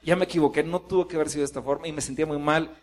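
A middle-aged Mexican pastor tells a personal story from the pulpit in a slightly high voice. He acts out the voices of the people he quotes, with pauses and fillers between them. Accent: Mexican Spanish. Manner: animated storyteller acting out quoted dialogue. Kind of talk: sermon testimony storytelling.

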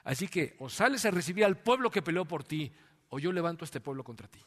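Man voicing a stern blunt army general, scolding, firm, slightly higher voice, long hall reverb. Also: expressive, quick pace, fairly bright tone, breathy edge.

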